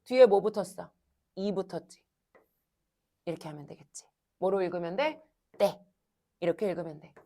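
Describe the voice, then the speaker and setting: Lively-voiced woman teaching a class. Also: fairly low pitch. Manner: asks students questions and answers them herself, brisk and coaxing. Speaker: Korean language teacher. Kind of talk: classroom lecture. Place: cram school classroom.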